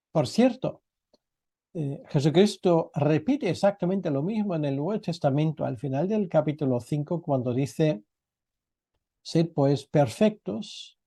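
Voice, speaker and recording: Slow, mellow-voiced male Bible teacher. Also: a little high. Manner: measured, with frequent pauses and rhetorical questions. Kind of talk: expository sermon with scripture reading and prayer.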